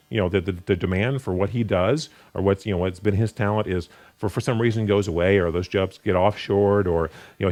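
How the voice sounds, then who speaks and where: A man giving an unscripted Bible study sermon, often repeating words and restarting his sentences. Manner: animated pitch, rising sharply for emphasis. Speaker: Bible teacher.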